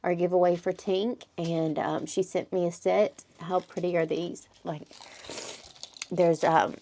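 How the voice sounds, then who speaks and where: A woman's voice: fairly low pitch, level tone, measured pace, mellow, slight background noise. A woman crochet vlogger chatting casually about her studio work, rambling a little and swearing now and then. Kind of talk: casual studio vlog chat. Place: home craft studio.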